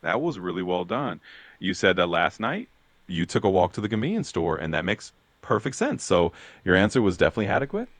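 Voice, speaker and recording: A man's voice: deep voice, very animated, brisk, breathy edge. A man's voice as an AI language tutor, giving encouraging, conversational feedback. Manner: encouraging, affirming.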